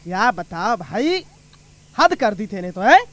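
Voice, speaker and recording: A man's voice: high-pitched, big pitch swings, fairly bright tone, no room sound, heavily acted. A man playing a blustering village uncle. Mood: exasperated. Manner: scolding, quick, blustery.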